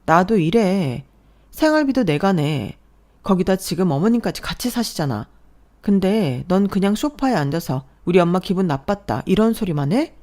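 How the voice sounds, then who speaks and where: A woman's voice: lowish voice, big pitch swings, normal speed, warm tone. A woman voicing a fed-up young wife who firmly stands up to her mother-in-law and husband. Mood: heated. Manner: firm, heated.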